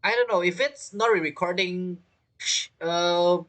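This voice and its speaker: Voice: mid-range voice, unhurried, fairly bright tone. A game streamer giving casual reaction commentary and theorizing aloud.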